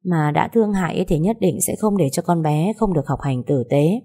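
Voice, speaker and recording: Low, mellow woman narrating a sorrowful story. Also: lively intonation, fairly quick, breathy edge. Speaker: audiobook narrator. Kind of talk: first-person story narration.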